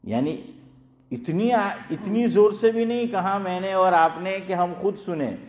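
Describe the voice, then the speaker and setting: In a reverberant space, a man with a high, slightly mellow voice delivers a conversational religious talk as an Islamic scholar, questioning his audience and going back over the main points.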